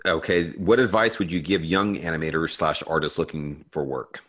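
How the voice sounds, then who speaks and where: A man's voice: a bass voice, steady tone, moderate pace, fairly bright tone. A man hosting a casual podcast interview who asks questions and laughs along encouragingly. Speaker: podcast host.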